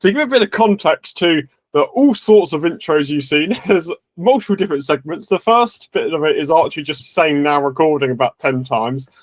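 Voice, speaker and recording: A man's voice: fairly high pitch, expressive, moderate pace, few pauses, no room sound. Chatty male podcast co-host, dry sound. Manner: chatty, laughs at own slips. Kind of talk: casual podcast commentary.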